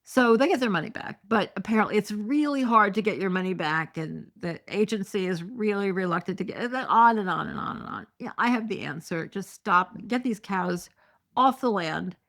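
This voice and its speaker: Running her podcast alone, a middle-aged woman reads through news stories and breaks in with sarcastic, indignant remarks. She speaks at a moderate pace in a medium, slightly bright voice, leaning on plenty of fillers while her voice gives out.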